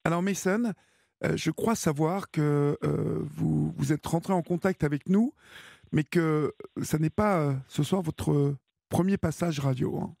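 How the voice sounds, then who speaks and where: A man hosting a late-night call-in radio show, asking his callers questions in a gentle, attentive way. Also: fairly high pitch, a little slow, vocal fry, no room sound, clean studio sound. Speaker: radio host.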